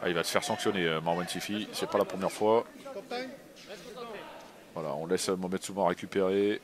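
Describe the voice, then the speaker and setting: A man giving live fight commentary, calm between rounds and shouting at big hits. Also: low voice, moderate pace, crowd noise.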